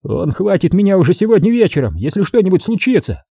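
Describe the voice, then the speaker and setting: A man's voice: sits high, big pitch swings, fast talker, gravelly, mellow, slightly rough, no echo, clean studio sound, pitched above the performer's own voice, full character voice. A man reading an audiobook voices a jumpy, nervous male gunman. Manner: anxious, jittery.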